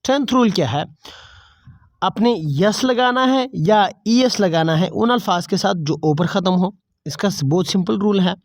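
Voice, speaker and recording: A woman's voice: medium pitch, unhurried, no echo. A woman teacher, explaining spelling rules step by step. She repeats each point and asks herself questions before answering them. The sound is dry and close, with no room around it. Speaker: English teacher. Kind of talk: spelling lesson explained in Urdu-flavored Hindi.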